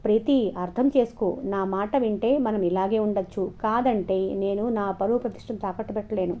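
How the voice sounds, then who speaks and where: A woman voicing a frightened, angry married man who shouts at his lover, in a dull lo-fi recording. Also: medium pitch, normal speed, lightly acted. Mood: pleading. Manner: shouting, agitated.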